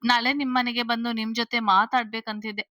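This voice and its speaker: A woman's voice: on the high side, level tone, a little fast, pushed and bright, no echo, poor audio. A woman voicing a bold young suitor. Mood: earnest. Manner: blunt, straightforward. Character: bold young man in love, direct and confident.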